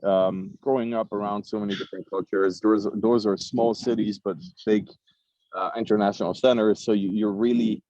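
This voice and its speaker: Man with a Swiss French accent, very low voice, dry, dull audio, thoughtful, stumbling over words. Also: steady tone, normal speed, mellow, no echo. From Switzerland. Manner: thoughtful, repeats words as he searches for them. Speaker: guest, cigar company founder. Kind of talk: casual podcast interview.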